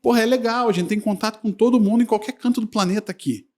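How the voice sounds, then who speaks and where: A man's voice: sits high, fast, a little mellow. A male sports journalist, telling anecdotes in a casual podcast chat with frequent laughter. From Brazil.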